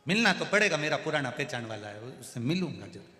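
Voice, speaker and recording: A man playing a stubborn, hard-of-hearing old grandfather who shouts cheerfully without noticing. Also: mid-range voice, big pitch swings, fairly quick. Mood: insistent. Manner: shouts, pushy, cheerfully oblivious. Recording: echoey hall with faint music.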